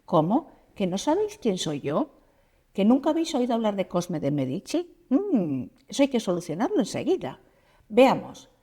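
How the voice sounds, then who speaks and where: A woman's voice: mid-range voice, wildly swooping pitch, normal speed, warm tone, husky. A woman voicing a chatty mouse who tells a storybook tale and teases the listeners with questions. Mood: playful. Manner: playful, teasing the listeners with questions. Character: chatty mouse storyteller, descendant of a prince's pet mouse. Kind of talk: storybook narration.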